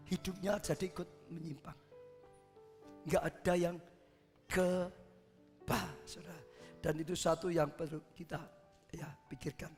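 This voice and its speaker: High-voiced impassioned male preacher. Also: in a large hall. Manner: impassioned preaching, swinging from loud peaks to hushed asides. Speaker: pastor. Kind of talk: sermon.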